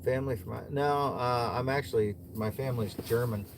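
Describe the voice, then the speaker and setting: Livestreaming from an outdoor ice fishing shelter in winter, a Midwestern American man chats easily with viewers, reading their comments between fishing and chuckling often. His mid-range voice has fairly even intonation and normal speed, and he sounds laid-back amid noisy outdoor ambience.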